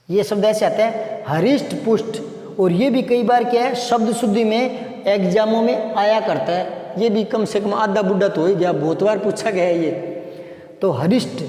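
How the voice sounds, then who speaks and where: A male Hindi teacher giving an exam-prep grammar lesson. He repeats words slowly, stresses each one and talks straight to his viewers. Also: high voice, mellow. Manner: directly addresses viewers, coaxing. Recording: echoey room with long reverb.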